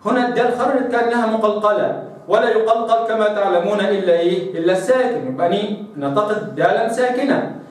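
A man with an Egyptian accent teaching tajweed. He explains each rule, then recites examples slowly and drawn out. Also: high voice. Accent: Egyptian Arabic. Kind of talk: tajweed lesson. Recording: very echoey room, mic far off.

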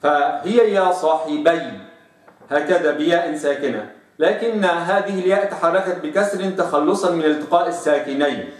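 A man's voice: on the high side, far from the mic. Man teaching Quran recitation, echoey. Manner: drawn-out slow recitation of examples. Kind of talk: tajweed lesson with slow demonstrations.

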